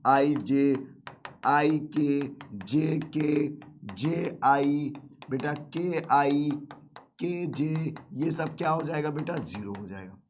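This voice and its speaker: A man's voice: on the high side, drawn-out words, slight background noise. A male math teacher with a sore throat, teaching a live online class, keeps asking students questions and calling them "beta".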